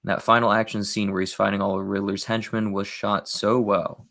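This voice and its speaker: A man appearing as a guest movie reviewer in a casual chat, talking eagerly and excitably about films. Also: lowish voice, moderate pace, gravelly.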